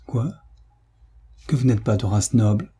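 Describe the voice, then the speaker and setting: A man voicing a dreamy, shy young girl who speaks softly and wistfully, in an audiobook. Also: fairly low pitch, unhurried, husky. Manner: soft, wistful.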